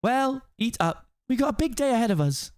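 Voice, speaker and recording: A man's voice: extremely high pitch, big pitch swings, a little fast, darkish tone, clear, resonant tone, dry recording, studio quality, pitched above the performer's own voice. A man voicing a feisty young princess with a prim, assertive manner, polite but bossy. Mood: cheerful.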